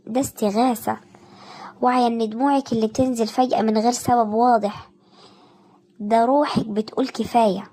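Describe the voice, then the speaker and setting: Breathy Egyptian woman narrating softly. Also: on the high side. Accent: Egyptian Arabic. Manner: soft, intimate, speaking directly to the listener. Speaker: narrator of a self-care video. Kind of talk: scripted motivational narration.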